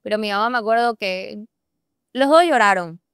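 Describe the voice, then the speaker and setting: A young Bolivian woman with a Santa Cruz accent, a podcast guest telling a personal story in an animated way and laughing often. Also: mid-range voice, moderate pace, clear, resonant tone, no room sound, clean studio sound. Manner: animated, laughs often, acts out her own past thoughts. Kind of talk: personal storytelling in a casual interview.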